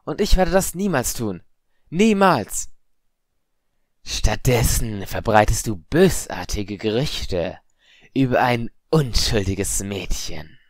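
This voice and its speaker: A man putting on a cold, menacing voice that speaks from the shadows, hissing each word slowly and deliberately. It sits rather low, recorded close and dry in an audiobook reading. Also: dry recording. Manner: slow, hissing, quietly threatening. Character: eerie unseen whispering voice, cold and menacing.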